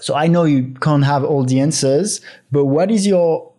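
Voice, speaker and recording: A man's voice: a little high, normal speed, warm tone. A man hosting a conversational interview, speaking in a reflective, tentative way. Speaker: show host interviewer.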